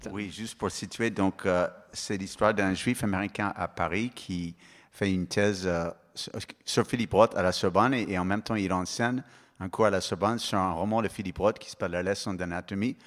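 A man's voice: deep voice, steady tone, normal speed. A man with a foreign accent introducing and reading from his own novel, hesitant and correcting himself. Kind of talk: public reading with spoken intro. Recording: reverberant hall.

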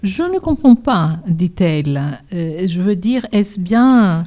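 A woman's voice: lowish voice, big pitch swings, slow, mellow. A woman reading a hesitant young woman. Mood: uncertain. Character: uncertain young woman Lydia.

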